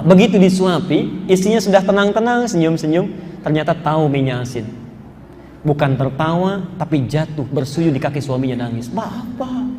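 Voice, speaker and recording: A man's voice: on the high side, warm tone, long reverb tail, slight background noise. A man giving an Islamic sermon to a live audience, telling a family story with acted quotes and putting questions to his listeners. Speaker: Islamic preacher.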